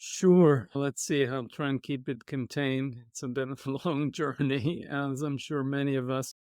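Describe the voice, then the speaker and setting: Smooth-voiced man. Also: mid-range voice, fairly even intonation, dry recording, clean studio sound. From Israel. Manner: reflective, measured, with soft laughs. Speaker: podcast guest, psychologist. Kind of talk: conversational storytelling.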